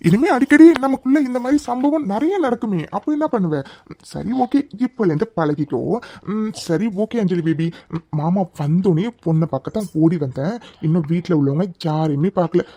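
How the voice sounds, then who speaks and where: A man's voice: sits high, expressive, normal speed, dark tone. Man voicing a cocky, teasing young lover. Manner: playful, boastful teasing.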